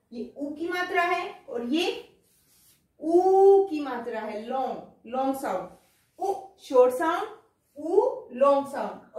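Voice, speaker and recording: A woman teacher giving a children's lesson, reading words out slowly and explaining them patiently. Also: sits high, a little mellow. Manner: slow, drawn-out word-by-word reading. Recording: echoey room, voice from far off.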